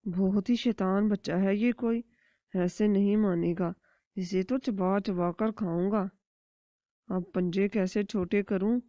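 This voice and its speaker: A woman's voice: medium pitch, fairly even intonation, dark tone, dry recording, close to an everyday voice. Woman voicing a scheming male kite villain. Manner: scheming mutters to himself. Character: sly hungry male kite bird, villain. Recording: dull dry lo-fi recording.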